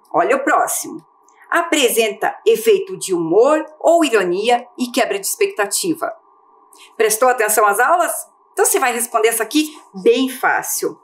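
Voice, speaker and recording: A woman teaching a televised primary-school lesson in Brazilian Portuguese, patiently asking questions and answering them herself. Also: medium pitch. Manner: patient, asks and answers her own questions.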